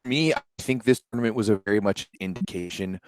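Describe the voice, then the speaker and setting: A man's voice: lowish voice, animated, fast, no room sound. A young man co-hosting a casual sports podcast, chatty and slangy, with lots of fillers and repeats. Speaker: podcast co-host.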